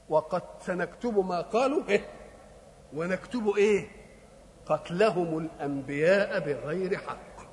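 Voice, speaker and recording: Older Egyptian preacher, high and reverberant. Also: male voice. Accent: Egyptian Arabic. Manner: rhetorical questions answered himself, mixing colloquial and classical. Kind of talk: sermon. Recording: hall reverb with faint noise.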